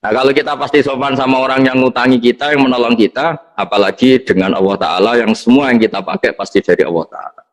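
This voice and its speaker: A man preaching a sermon, reciting Arabic texts and explaining them slowly in plain talk. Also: medium pitch. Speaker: Islamic preacher. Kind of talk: sermon with text reading.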